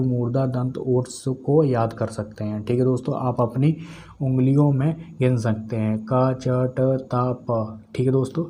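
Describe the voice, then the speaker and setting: Man, teacher, mellow warm voice, step-by-step explaining, repeats terms, drills syllables, faint background hiss. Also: mid-range voice. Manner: explains step by step, often adds "okay friends". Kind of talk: exam-prep grammar lesson.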